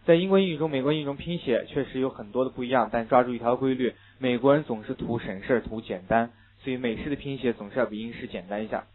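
A man teaching an English class, lively and chatty, mixing in English phrases and anecdotes. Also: medium pitch. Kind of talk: classroom lecture. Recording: tinny, phone-like lecture recording.

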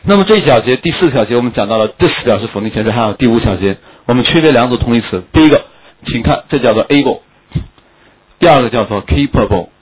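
Fast-talking, joking male English teacher. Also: mid-range voice, lively intonation, slightly rough, lo-fi sound. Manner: quick, joking, asks students questions often. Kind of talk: classroom lecture. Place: classroom.

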